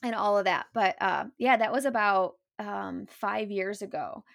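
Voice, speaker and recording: A woman's voice: medium pitch, measured pace, creaky, no room sound, clean studio sound. Chatty young woman telling her story. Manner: animated retelling with many likes and quoted voices. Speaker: podcast guest. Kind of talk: storytelling in casual conversation.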